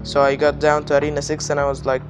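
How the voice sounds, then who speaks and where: Male gaming host, slightly higher voice, a bit under the weather, casual play-by-play over music. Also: monotone, quick pace. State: slightly ill voice. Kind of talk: casual gameplay commentary.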